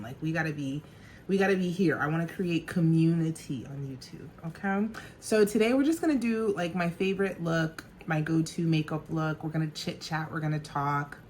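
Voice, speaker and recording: Bubbly thirties woman, lower voice, vlogging at home with faint background hiss. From New Jersey. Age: 30s. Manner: bubbly, chatty, laughs often. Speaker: makeup artist and vlogger. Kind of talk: casual get-ready-with-me chat.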